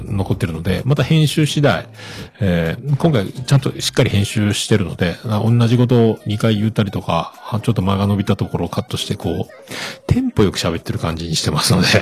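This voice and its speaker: Man, podcast host, casual chat, gravelly, lively pitch. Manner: relaxed, lots of fillers, reads messages aloud. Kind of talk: casual chat reading listener messages.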